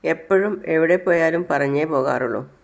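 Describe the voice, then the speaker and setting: Daughter figure, gently raised pitch, gravelly edge, as a man puts her on. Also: moderate pace. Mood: anxious. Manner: pleading, comforting. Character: grown daughter, worried and protective.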